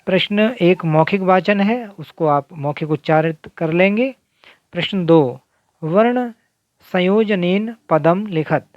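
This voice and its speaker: A man teaching a school Sanskrit lesson, slowly spelling words out syllable by syllable. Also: high-pitched, dry recording, dull audio. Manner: slow, carefully spelling out syllables. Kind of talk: recorded lesson.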